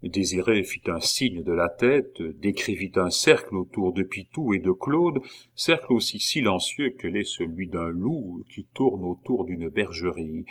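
Low-voiced man reading a novel. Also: animated, unhurried. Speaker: audiobook reader. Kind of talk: literary narration.

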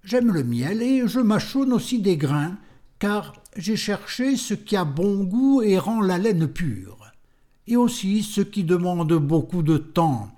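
A man voicing a gentle, humble beggar in an audiobook, speaking softly and contentedly. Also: high voice, big pitch swings, slow, heavily acted. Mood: content.

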